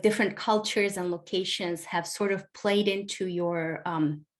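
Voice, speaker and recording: A woman from Turkey hosts a podcast interview. She asks her guest a long, curious question, building it up with fillers and restarts. Her voice sits at an ordinary pitch. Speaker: podcast host. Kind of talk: conversational interview.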